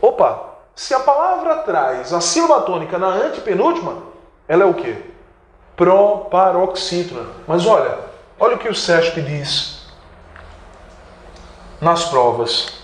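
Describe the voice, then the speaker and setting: A man's voice: sits high, sing-song, measured pace, long pauses, reverberant. A man with a Brazilian accent teaching an online grammar lesson for exam prep, emphatic, stretching key words and asking and answering his own questions. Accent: Brazilian Portuguese.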